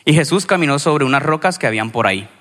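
A man with a Colombian accent from Cali, a pastor giving a sermon in a conversational, storytelling way with lively asides. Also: fairly high pitch, quick pace. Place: church hall. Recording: reverberant church hall.

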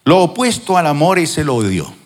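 A man preaching a sermon as pastor, teaching with acted-out examples and emphatic pauses. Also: a little high, big pitch swings. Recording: long hall reverb.

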